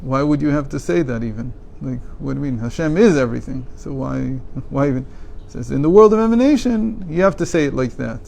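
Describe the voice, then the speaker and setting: A man's voice: mid-range voice, brisk, gravelly, few pauses, warm tone, a little hiss or hum. A man teaching a daily religious text class, reading passages aloud, translating them, and explaining them with rhetorical questions.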